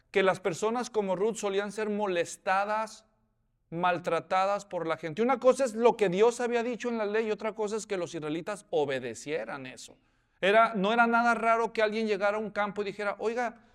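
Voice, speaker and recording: A man's voice: high voice, clear, resonant tone. A man preaching a sermon, acting out the scenes in voices and putting questions to his listeners. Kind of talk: expository sermon.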